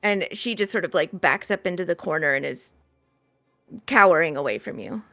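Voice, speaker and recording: A woman narrating as game master in a tabletop game, in a relaxed, hesitant way. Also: on the low side, moderate pace, no room sound, clean studio sound, faint music behind.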